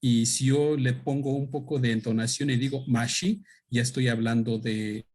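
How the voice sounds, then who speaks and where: A husky Mexican man, a native Otomi speaker, lectures an audience at a book presentation. His voice sits at an ordinary middle pitch, and he talks in a thoughtful, halting way, pausing often to find the right word. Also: fairly even intonation, darkish tone. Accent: Mexican Spanish. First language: Otomi (Hñähñu). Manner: thoughtful, halting, pauses to search for words. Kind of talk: explanatory talk to an audience.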